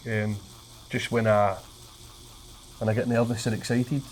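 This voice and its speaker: A man's voice: lowish voice, little pitch movement, measured pace, rough recording. Glasgow guy, really thick scottish accent, bit of a stutter, chatting on a podcast, some background noise. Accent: thick Glaswegian Scottish. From Glasgow, Scotland. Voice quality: occasional slight stutter. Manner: colloquial, broad Scots wording, some swearing. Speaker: stand-up comedian, podcast guest. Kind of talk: casual podcast chat.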